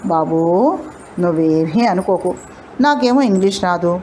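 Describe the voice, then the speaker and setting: A woman's voice: fairly low pitch, animated, a little slow, mellow, a little hiss or hum. A woman voicing an elderly village man, humble and shrewd, who talks in a pleading, flustered way.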